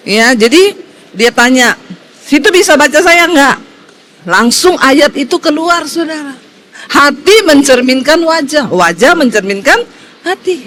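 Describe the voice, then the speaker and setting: A woman pastor preaches a sermon in a lively storytelling style, swinging between high exclamations and quiet, low asides.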